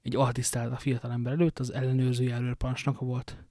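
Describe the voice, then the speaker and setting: A man narrating a novel in a measured, dramatic audiobook reading. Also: mid-range voice, completely flat delivery, dark tone, no room sound, studio quality.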